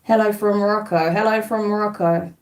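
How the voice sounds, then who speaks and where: Reading viewer comments on her live card-reading stream, a woman with a slight New Zealand twang chats and rambles casually, shooting down trolls bluntly. She speaks briskly in a mid-range, darkish voice with fairly even intonation, sounding far from the microphone.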